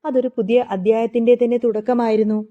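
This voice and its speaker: A woman's voice: a little high, flat delivery, a little fast. A woman narrating a family drama story in an emotive, dramatic telling. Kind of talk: storytelling serial recap. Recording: phone-like narrow sound.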